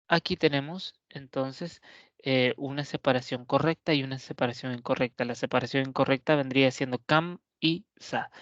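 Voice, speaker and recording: A man's voice: a little high, a bit bright, dry recording. A man giving a pre-recorded lecture as a teacher, explaining step by step and often checking in with his students. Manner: measured, explanatory, frequent "¿verdad?" check-ins. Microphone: laptop or webcam mic, camera switched off. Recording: dry, dull lo-fi recording.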